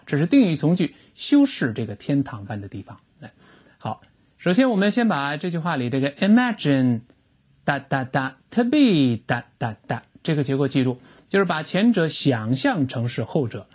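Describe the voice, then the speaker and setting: A teacher giving a lively lecture on an English textbook lesson, explaining phrases emphatically and asking rhetorical questions. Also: mid-range voice, husky. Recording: dull lo-fi recording.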